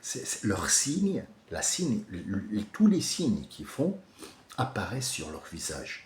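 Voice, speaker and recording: A man giving an informal religious commentary, passionate and digressive, swinging from soft musing to loud ranting. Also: lowish voice, wildly swooping pitch, slow pace, echoey room. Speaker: religious speaker.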